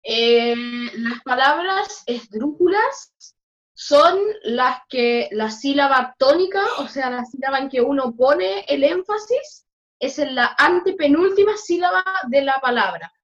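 A woman's voice: high-pitched, expressive, measured pace, muffled recording. A woman student explaining a grammar definition to the class.

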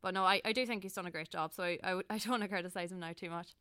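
A young adult woman from County Donegal, Ireland, speaks with a Donegal accent as a student election candidate, giving earnest, conversational interview answers and often correcting herself mid-thought. Her lowish voice is steady yet racing, sharp and smooth. There is no echo.

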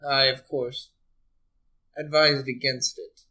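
A man voicing a grave rebel ship captain in a tabletop game, speaking low and serious. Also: little pitch movement, slow pace, pushed and bright, low-quality recording.

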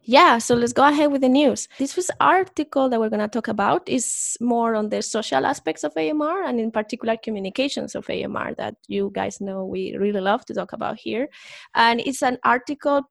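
A woman co-hosting a podcast talks through research in a relaxed, explanatory way. Her voice sits a bit high and carries a gravelly edge. It is recorded dry and close, with no room sound. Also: fairly quick, no echo. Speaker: podcast co-host. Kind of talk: casual podcast chat.

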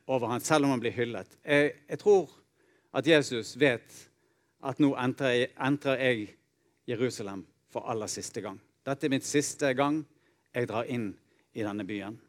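A man preaching a sermon, telling stories with rhetorical asides and chuckles. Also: mid-range voice.

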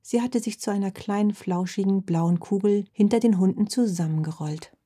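A woman narrating a children's audio story in a soft, expressive way. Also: mid-range voice, moderate pace, husky. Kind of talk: scripted narration.

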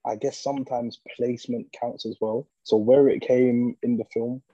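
A man's voice: mid-range voice, flat delivery, moderate pace, dark tone, dry recording, muffled recording. A man with a London roadman accent bantering casually as a podcast co-host, agreeing emphatically and repeating words for emphasis. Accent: London, urban street slang. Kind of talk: casual banter about TV and film.

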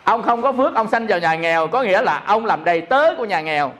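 A man's voice: high voice, animated, fast talker, a bit bright. A man with a Southern Vietnamese accent giving a Buddhist dharma talk, explaining by repeating himself and asking listeners questions. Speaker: Buddhist teacher.

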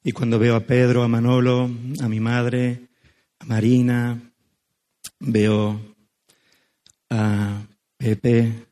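Hoarse man preaching a sermon. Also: medium pitch, monotone, measured pace, warm tone. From Spain. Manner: affectionate, joking, conversational preaching. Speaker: guest pastor. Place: church.

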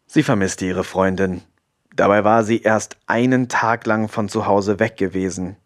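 A man narrating an audiobook in a calm, even way. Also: lowish voice, unhurried. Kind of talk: audiobook reading.

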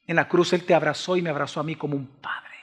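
High-voiced preacher in a hall. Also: male voice, fairly even intonation, quick pace, breathy edge. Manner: swings from hushed pleading to raised, emphatic preaching. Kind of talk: sermon. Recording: long reverb of a large hall.

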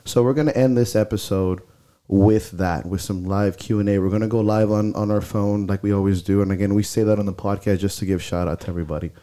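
On a close mic, a podcast co-host with a stuffy nose talks bluntly and swears freely in casual chat. His voice sits on the low side, with fairly even intonation, a dark tone, and fast delivery.

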